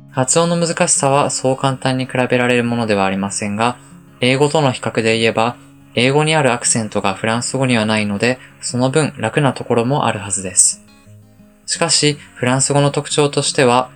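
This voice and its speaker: A man who teaches French, giving a calm, explanatory podcast lesson and spelling words out slowly. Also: medium pitch.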